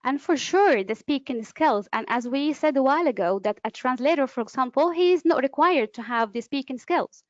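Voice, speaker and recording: Speaking at normal speed with hardly any pauses, this Arabic-speaking woman gives an explanatory webinar lecture, often using fillers and restarting sentences. She works as the presenter and interpreter, and her expressive voice sits high with no echo. The computer-mic audio sounds dull and lo-fi.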